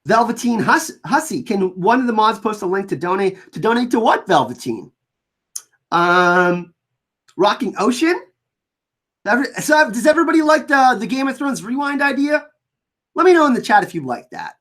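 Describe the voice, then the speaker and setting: French Canadian livestream host with swooping pitch. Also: sing-song, normal speed, fairly bright tone. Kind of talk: casual livestream chat, reading out and answering viewer comments.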